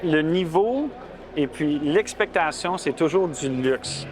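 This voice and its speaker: A man's voice: a little high, animated, slow, background noise. A man with a Quebec French accent talking casually and colloquially about cars, with enthusiasm. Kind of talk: casual on-camera car talk.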